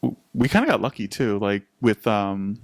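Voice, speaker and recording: Chatty, animated young man on a podcast. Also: fairly low pitch, dry recording. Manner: chatty, animated, quick to laugh. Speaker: podcast co-host. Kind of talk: casual chat.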